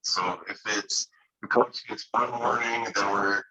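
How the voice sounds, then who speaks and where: A man's voice: on the low side, fairly even intonation. A man asking a question in an online meeting, his call audio glitching and breaking up so he sounds distant and whispery. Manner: halting, hard to make out, whispery dropouts. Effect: glitching, broken-up call audio. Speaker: referee on a call. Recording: garbled distant call audio with background chatter.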